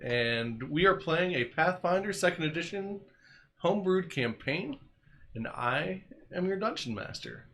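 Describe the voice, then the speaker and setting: A man acting as dungeon master, introducing a tabletop game stream in a relaxed, explanatory way. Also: a little high, measured pace, a little hiss or hum.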